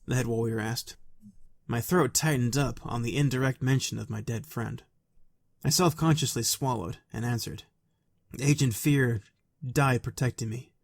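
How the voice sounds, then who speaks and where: A man narrating a fan story aloud in a quiet, even, soft-spoken way. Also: medium pitch, moderate pace, gravelly, no echo.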